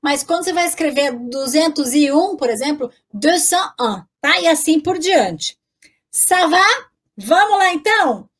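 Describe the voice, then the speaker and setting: High-voiced, unhurried woman teaching French. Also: expressive, a bit bright. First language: Portuguese. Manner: cheerful, checks in often with "tá bom, gente?"; slow, drawn-out modeling of numbers. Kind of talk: online language lesson.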